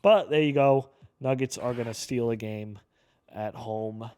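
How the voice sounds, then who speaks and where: A man in his early twenties giving casual play-by-play commentary over a basketball video game, excitable and breaking into sudden shouts. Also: medium pitch, unhurried, clean tone, dry recording. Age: 20s. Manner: excitable, calls plays aloud with sudden shouts. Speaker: gaming YouTuber.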